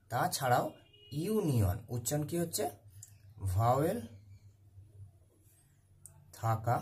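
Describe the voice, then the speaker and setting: A man's voice: a little high, a little mellow. A man teaching a grammar lesson, who keeps repeating key words and answers his own questions. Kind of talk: classroom-style grammar lesson.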